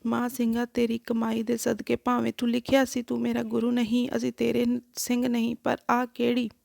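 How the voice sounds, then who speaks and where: A woman voicing a merciful holy male teacher who calmly grants blessings. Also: a little high, normal speed, gravelly, no room sound, clean studio sound. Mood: solemn.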